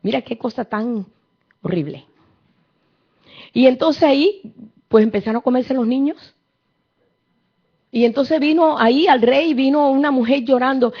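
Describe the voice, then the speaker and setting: A fervent woman preacher tells Bible stories straight to her congregation. Her voice sits a little high and sounds husky, and the recording is dull and lo-fi. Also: measured pace, long pauses. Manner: fervent, storytelling, addresses the congregation. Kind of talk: sermon.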